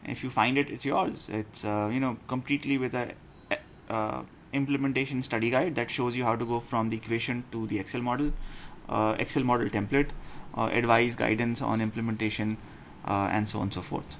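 A middle-aged man with a Pakistani accent giving an informal online lecture as a coach, in a blunt, halting way that repeats phrases for emphasis. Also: mid-range voice, steady tone. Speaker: business lecturer and pitching coach. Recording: clearly noisy room recording.

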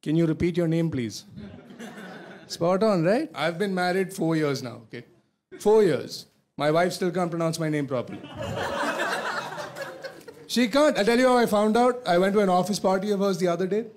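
High-voiced Indian stand-up comedian. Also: male voice, moderate pace, pauses often, darkish tone, a little hiss or hum. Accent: Indian English. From Kerala, India. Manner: conversational, keeps checking in with the crowd. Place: comedy stage.

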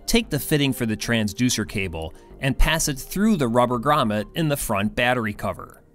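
A man giving clear, step-by-step assembly instructions in a scripted voice-over. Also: medium pitch, very animated, normal speed, fairly bright tone. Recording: faint background music.

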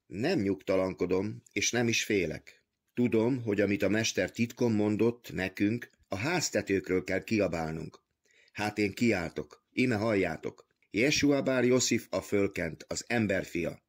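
Jehuda, a man reading as a calm defiant betrayer. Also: lowish voice. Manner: calm, firm, stubborn. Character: proud defiant man, a remorseful ancient betrayer. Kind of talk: audiobook character reading.

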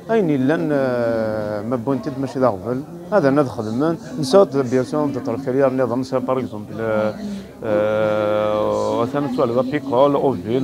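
A man in his thirties from a farm cooperative explains his work quickly in casual talk, mixing in French, at an outdoor fair stand on a lapel mic. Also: mid-range voice. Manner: quick, mixes French into speech. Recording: crowd noise behind.

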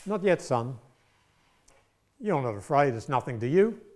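Man doing a priest, gentle, persistent, calm, coaxing. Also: medium pitch, measured pace. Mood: insistent.

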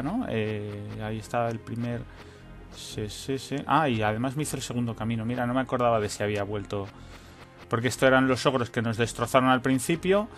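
A gaming channel host with a medium-pitched, somewhat bright voice gives casual let's-play commentary. He thinks aloud while playing and swears from time to time.

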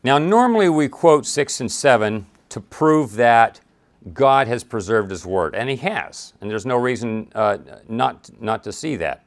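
A man leading a Bible study, reading passages aloud and breaking off to explain them. His pitch sits in an ordinary middle range. He talks casually, with restarts and quick asides between verses. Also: lively intonation. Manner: conversational, reads scripture aloud with frequent restarts and asides. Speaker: Bible teacher.

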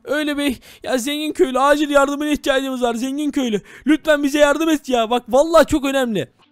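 A man's voice: very high voice, fairly even intonation, brisk, dry recording. A man hosting a game role-play video, talking dramatically to viewers and exclaiming as a village head.

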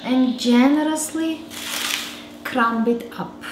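In a large home kitchen, a woman in her thirties with an Armenian accent demonstrates a recipe for her cooking show and chats playfully with her child. Her voice is high and slow. The background is noisy with the clatter of dishes and utensils echoing in the roomy space.

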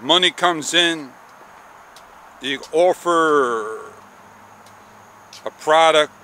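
Slow, halting man outdoors with bright tone. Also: on the high side, slight background noise. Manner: slow, halting, frustrated rambling with long pauses. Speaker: vlogger. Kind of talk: casual walk-and-talk vlog. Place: outdoors on a sunny garden patio and paths. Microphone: small wireless clip-on mic.

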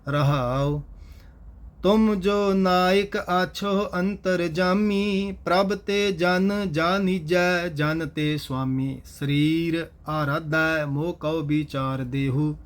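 A man with a Punjabi accent reciting scripture in a slow chant, pausing to explain how each word should be pronounced. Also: on the high side, steady tone. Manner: measured, instructive, repeats each correct pronunciation. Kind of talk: slow chanted scripture reading with spoken pronunciation notes.

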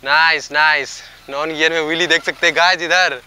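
A man's voice: fairly high pitch, fairly even intonation, moderate pace, pushed and bright, clear, resonant tone. Young man vlogging from his bicycle. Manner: chatty, keeps addressing viewers as guys. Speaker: cycling vlogger. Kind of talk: casual vlog commentary while riding. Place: outdoors on a rural road, riding a bicycle. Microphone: helmet or handlebar action camera.

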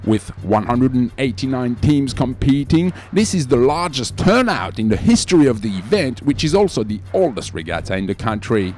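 A man's voice: mid-range voice, darkish tone. A man reading a scripted sailing news voice-over.

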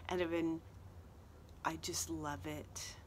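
A woman with a fairly low voice chats casually to her viewers, wandering from topic to topic with fillers and little self-deprecating jokes. She is recorded outdoors, with a faint hum of ambient noise behind her. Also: little pitch movement, takes it slowly. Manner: chatty, rambling with fillers and self-deprecating asides. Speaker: craft vlogger. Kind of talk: casual chat to camera. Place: outdoors at a table.

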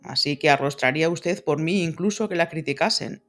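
A man voicing a stern, brooding gentleman who is master of the house, speaking in terse, commanding questions in an audiobook reading. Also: fairly high pitch, brisk, soft background music, lightly acted. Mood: probing.

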